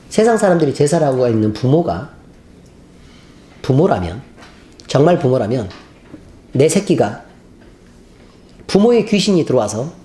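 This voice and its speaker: A pastor preaching a sermon who tells stories animatedly and acts out the scenes. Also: male voice, medium pitch. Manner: animated storytelling, acting out scenes. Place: church sanctuary. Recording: roomy church hall, faint noise.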